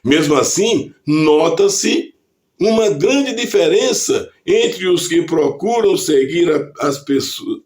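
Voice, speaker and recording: Brazilian male preacher, fairly high voice with lively pitch, unhurried scripted reflection. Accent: Brazilian Portuguese. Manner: slow, deliberate preaching delivery reading scripture aloud.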